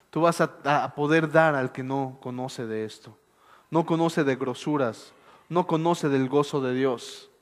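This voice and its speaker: A man preaching a sermon in a church, swinging from soft, quiet asides to excited shouts. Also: a little high. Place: church hall. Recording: echoey church hall with long reverb.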